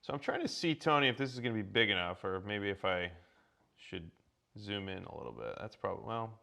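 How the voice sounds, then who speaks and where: A man's voice: fairly low pitch, very animated, a little fast, gravelly, bright, forceful tone. A man walking viewers through a tech setup on a casual livestream, rambling with many restarts and filler words. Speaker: guest presenter.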